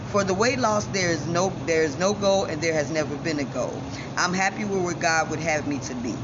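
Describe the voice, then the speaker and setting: A woman's voice: sits low, a little fast. A woman from giving a defiant, self-assured personal monologue straight to viewers, her speech shaped by missing front teeth. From Chicago, United States. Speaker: vlogger. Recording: dull lo-fi sound, loud ambient noise.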